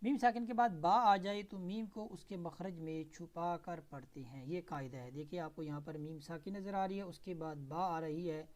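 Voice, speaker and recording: A man teaching Tajweed, spelling out and reciting verses slowly syllable by syllable, then explaining the rules in brisk asides. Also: fairly high pitch, fairly even intonation, a little mellow. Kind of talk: Tajweed lesson with slow recitation.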